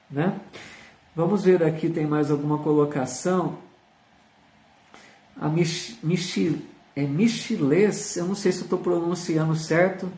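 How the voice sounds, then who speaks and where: A man leading a live online Spiritist study speaks with a Brazilian Portuguese accent in a slightly high voice with a darkish tone. Earnest in his teaching, he often uses tag questions and reads viewer comments aloud. The mic is distant, giving the audio a roomy sound.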